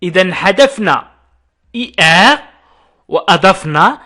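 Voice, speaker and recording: A man teaching a French lesson, spelling out verb endings letter by letter and slowly repeating each example. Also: high-pitched, animated, bright, forceful tone. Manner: addresses viewers directly. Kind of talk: video lesson.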